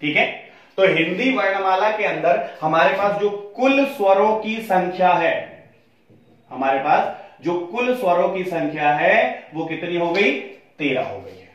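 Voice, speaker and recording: Guy teacher in a really echoey room, kinda far from the mic, talks slow and keeps repeating stuff. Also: sits high, animated, dull audio. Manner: asks questions and answers them himself; repeats phrases slowly for emphasis. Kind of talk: classroom lesson.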